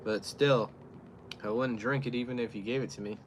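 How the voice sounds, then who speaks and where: A beer-review livestreamer, a man at medium pitch, talks at normal speed in a steady tone; the recording is rough with a little hiss or hum. He's out in chilly air, casually rambling and answering chat plainly.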